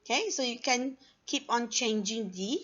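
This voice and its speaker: A woman teaching an online class for young children, speaking slowly and clearly and saying "okay" often. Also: fairly high pitch, a bit bright. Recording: dull lo-fi sound.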